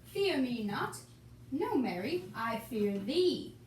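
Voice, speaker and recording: Reading Shakespeare for a puppet show, a young adult woman performs slowly and theatrically in an amateur way, her slightly high voice sing-song. The recording is hissy and echoey, picked up from a distant mic.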